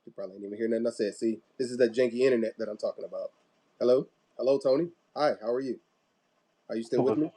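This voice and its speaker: An easygoing man hosts a church talk show from a video call. His talk is loose and rambling, full of "uh" and "um". The voice sits at an ordinary middle pitch. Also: racing. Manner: relaxed, rambling, many fillers. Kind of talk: casual live-stream chat.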